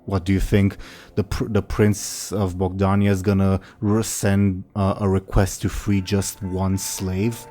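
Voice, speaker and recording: An oily, scheming court vizier, acted out by a male game master. He is haughty and condescending, calculating as he talks, in a lowish, softly dark voice over faint music. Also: little pitch movement, measured pace. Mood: calculating, dismissive.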